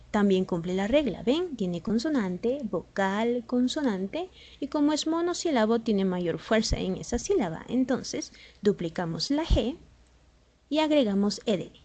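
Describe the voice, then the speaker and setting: A woman's voice: fairly high pitch, mellow. A woman English teacher and native Spanish speaker, explaining grammar rules step by step in a patient classroom style with rhetorical questions.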